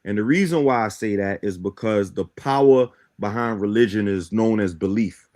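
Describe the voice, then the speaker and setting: A man born in Guyana and raised in Brooklyn, New York, appears as a talk show guest who teaches a belief system. He explains his ideas didactically, often checking in with "right?", in a fairly low, slightly mellow voice at normal speed.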